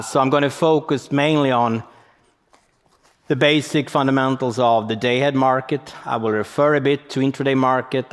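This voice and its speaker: A man gives a conference presentation, explaining as he goes and thinking aloud. His voice sits at an ordinary middle pitch. The sound carries the long echo of a large hall. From Sweden. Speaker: conference speaker.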